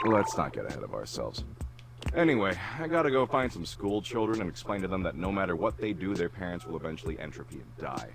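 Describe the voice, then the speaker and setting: A smug, morbid flirt. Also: male voice, low voice, big pitch swings, quick pace, vocal fry, noisy background, heavily acted. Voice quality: dry, cocky delivery. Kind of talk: video game voice acting.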